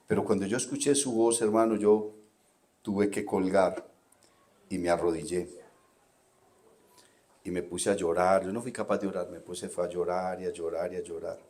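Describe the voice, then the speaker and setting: A middle-aged man with a Colombian Spanish accent, a pastor preaching a testimony sermon that runs from quiet, low storytelling to loud, high shouting, picked up by a distant microphone. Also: fairly even intonation, normal speed, pauses often.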